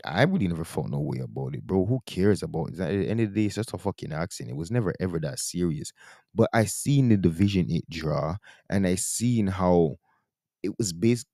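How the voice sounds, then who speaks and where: A man speaks in a low, mellow voice with a Toronto slang accent touched by Caribbean speech. He comments casually and with strong opinions, repeating points for emphasis. The recording is close and dry. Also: gravelly, no echo. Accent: Toronto, with Caribbean-influenced slang. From Toronto, Canada. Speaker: commentary video host.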